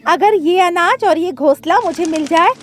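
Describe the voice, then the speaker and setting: A woman voicing a greedy, scheming male crow in a cartoon, with a shrill, boastful manner. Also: normal speed.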